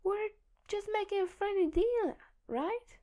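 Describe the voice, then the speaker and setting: A woman's voice: extremely high pitch, takes it slowly, warm tone, voice pushed up. A woman voicing a playful, friendly young male hero in a fan audiobook reading, with an upbeat, teasing delivery.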